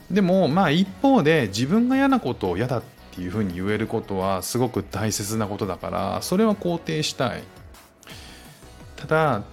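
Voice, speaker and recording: A man in his thirties, a stay-at-home dad, hosting a casual podcast alone at a close mic and reflecting gently on parenting, with lots of fillers. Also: mid-range voice, gravelly. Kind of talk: casual spoken-word podcast monologue.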